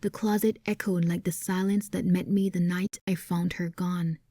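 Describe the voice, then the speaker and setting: A woman narrating a first-person romance audiobook in a hushed voice that often drops to a whisper. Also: fairly low pitch, little pitch movement, normal speed, no room sound, clean studio sound.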